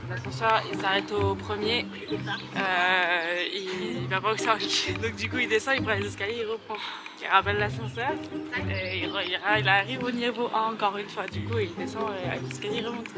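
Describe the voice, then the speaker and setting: A woman vlogging in casual chat with friends, playful, loud and quick to joke. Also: medium pitch, fairly even intonation, loud music behind the voice.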